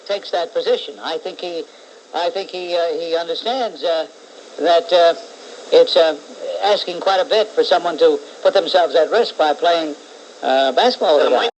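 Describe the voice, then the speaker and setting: A man hosting a call-in radio show, blunt and combative, pausing often with "uh". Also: a little high, a little hiss or hum, rough recording. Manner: blunt, combative, scolds callers; many "uh" pauses.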